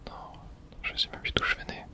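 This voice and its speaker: Brisk and breathy, a person whispers casual ASMR gaming commentary close to the mic, tossing out short thought-aloud remarks.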